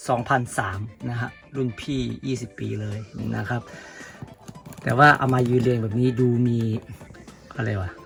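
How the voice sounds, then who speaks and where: Man, toy review host, relaxed chatty delivery, faint music behind. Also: mid-range voice, gravelly. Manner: relaxed, chatty, polite particles. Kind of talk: casual toy review vlog.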